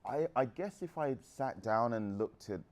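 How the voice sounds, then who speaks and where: His voice sits in the mid-range, a touch mellow, with lively intonation at a normal speed. He's an English entrepreneur in his thirties, a guest answering the audience openly, though he wanders and keeps restarting.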